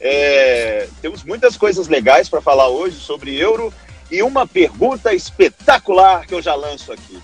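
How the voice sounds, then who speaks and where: Brazilian male sports panellist, casual delivery, rough husky voice, faint music bed. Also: on the high side, very animated, normal speed. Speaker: football commentator on a podcast.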